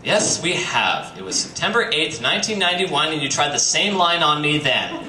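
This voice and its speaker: Far from the mic, a man with a fairly high, expressive voice does a comedic live reading at moderate pace before an audience at a bistro show. He's theatrical and throws in dry joking asides, and the live stream sounds echoey and noisy.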